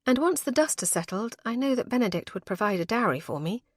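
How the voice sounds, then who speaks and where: Bright high teasing young wife, quick with a jab, woman narrator doing her, dry close sound. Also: sing-song, dry recording. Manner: playful, arch, quick to tease. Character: spirited young newlywed gentlewoman, teasing.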